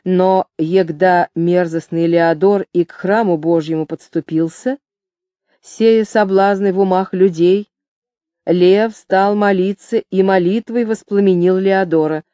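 A woman reading an audiobook, slow and measured storytelling. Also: fairly low pitch, fairly even intonation, mellow, smooth, no room sound, clean studio sound. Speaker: audiobook narrator. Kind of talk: scripted audiobook narration.

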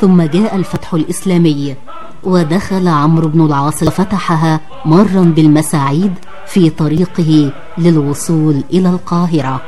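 An Egyptian woman reading a scripted radio documentary as a formal, measured narrator. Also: low voice, mellow, faint music behind.

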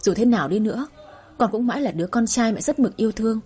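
A woman's voice: on the high side, lively intonation, fast talker, warm tone, husky. A woman storyteller voicing a stubborn middle-aged mother who complains and wails in a spoken audio story. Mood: alarmed. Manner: wailing, obstinate.

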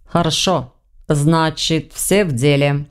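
A woman reading an audiobook, voicing a calm, decisive young man who leads the group in a low, measured voice. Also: clear, resonant tone. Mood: tired resolve. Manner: low measured steady speech.

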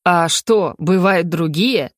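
A woman voicing a cold, stern male inquisitor who speaks slowly and measuredly, in an audiobook. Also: lowish voice, no room sound, clean studio sound, lightly acted. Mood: icy. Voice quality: slow, measured, icy. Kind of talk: audiobook character voice.

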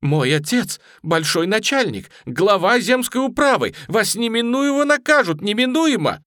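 A man's voice: high-pitched, big pitch swings, moderate pace, fairly bright tone, no room sound, clean studio sound, pitched above the performer's own voice. A man reading an audiobook, voicing an indignant, haughty young lady. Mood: outraged.

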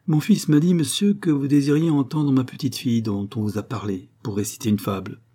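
A man's voice: medium pitch, brisk, dark tone, husky, voice pushed up, close to an everyday voice. A man reading an audiobook voices a proud, condescending aristocratic count in a raised, stately tone. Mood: haughty.

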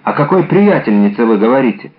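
A man's voice: mid-range voice, very animated, fast talker, natural voice. A man voicing an ardent, impulsive young musketeer, urgent and emotional, in an audiobook. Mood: alarmed. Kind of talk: audiobook character reading. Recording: dull lo-fi audiobook recording.

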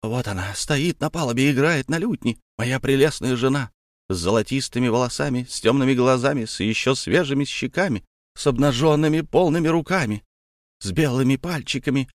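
A man's voice: medium pitch, a little fast, no echo, clean studio sound, close to an everyday voice. A man voicing a jealous heartbroken husband. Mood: doting. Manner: impassioned, outbursts of jealous anger. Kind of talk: audiobook character reading.

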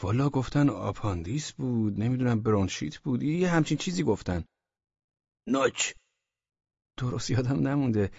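A man's voice: medium pitch, expressive, gravelly, a little mellow, slightly rough, no room sound, muffled recording. A man voicing a patient, evasive friend who keeps reassuring the speaker in an audiobook. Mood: placating. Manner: placating, hedging replies.

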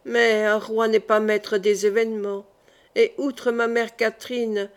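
A woman voicing a dying, weary king who speaks softly and confidingly in an audiobook reading. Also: little pitch movement, unhurried, smooth, lightly acted. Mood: remorseful. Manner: soft, low-voiced confiding.

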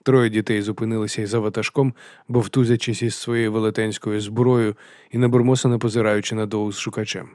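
A man reading a novel aloud as narrator, steady and even. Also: lowish voice, brisk, no echo, clean studio sound. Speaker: audiobook narrator. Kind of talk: scripted narration.

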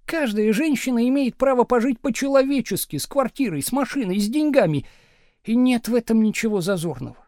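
A man doing a shrill, scornful young wife. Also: animated, fairly quick, no room sound, studio quality. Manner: sharp, scolding, shouting at times.

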